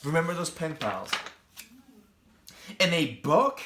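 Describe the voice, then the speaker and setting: A teacher's slightly high, sing-song voice carries slowly over a noisy background as he reads a picture book to young children. He stops to chat with them and ask them questions directly.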